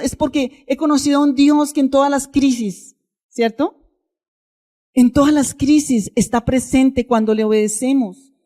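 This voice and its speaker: A woman's voice: sits high, mellow. A woman pastor giving a sermon, telling a personal testimony in a conversational, emotional way and addressing the congregation directly.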